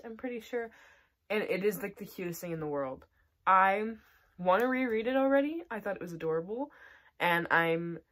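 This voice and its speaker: A young woman talks through her monthly reading in a loose, chatty way. She fills her speech with "like" and "um" and laughs every so often. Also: fairly low pitch. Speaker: book vlogger. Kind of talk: casual monthly reading wrap-up.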